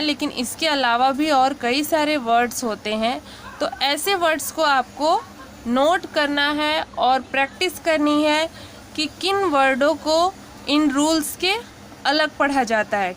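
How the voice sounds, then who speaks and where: A woman with a high voice walks through a pronunciation lesson, unhurried and patient, saying each example word slowly. A faint hiss of background noise sits under her voice. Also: a bit bright. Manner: patient, repeats each word slowly, frequent "theek hai". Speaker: English pronunciation teacher. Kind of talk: slow explanatory lesson.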